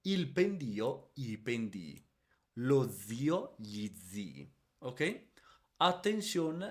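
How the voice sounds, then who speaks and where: Man, teaching a grammar lesson in Spanish; animated pitch, patient step-by-step delivery, checks in with "ok?". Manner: explains step by step, keeps checking with "¿ok?"; stretches the Italian example words slowly and loudly. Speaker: Italian language teacher.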